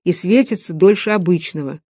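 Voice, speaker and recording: A woman voicing a serious, earnest village boy who speaks gravely and defends his ideas, read out in an audiobook. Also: fairly low pitch, brisk, warm tone, no room sound, studio quality, close to an everyday voice.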